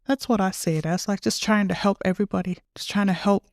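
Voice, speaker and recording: A woman's voice: mid-range voice, steady tone, quick pace, a little mellow, dry recording, clean studio sound. A young woman, a nurse, answering interview questions in a chatty, earnest way and laughing at herself now and then. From Australia. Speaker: nurse and podcast guest.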